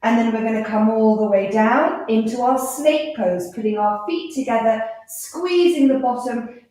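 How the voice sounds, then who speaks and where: Woman, kids yoga teacher, encouraging, fairly high voice, strong room echo. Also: moderate pace. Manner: gentle, encouraging, playful instructions. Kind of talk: guiding a children's yoga class. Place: live class in an indoor room. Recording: very echoey room.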